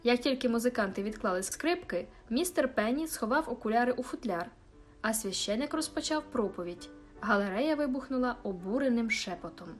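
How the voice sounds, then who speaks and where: A woman reads a classic novel aloud as an audiobook, telling the story calmly. Her voice is fairly high for a woman, and soft music plays faintly underneath. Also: fairly quick. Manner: calm storytelling reading. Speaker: audiobook narrator. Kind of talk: scripted narration.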